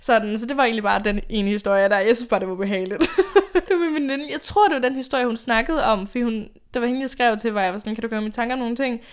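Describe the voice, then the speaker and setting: A woman's voice: fairly high pitch, smooth. A young adult woman hosting a casual storytime chat, rambling and chatty, often laughing. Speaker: podcast host.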